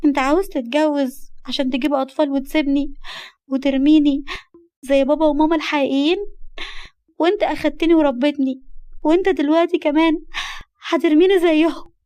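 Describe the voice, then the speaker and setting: A woman's voice: sits high, quick pace, long pauses, darkish tone, no room sound, voice pushed up, natural voice. A woman voicing a pouty, devoted adopted teenage girl who whines and pleads, with an Egyptian accent. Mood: tearful anger. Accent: Egyptian Arabic. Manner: whiny, pleading.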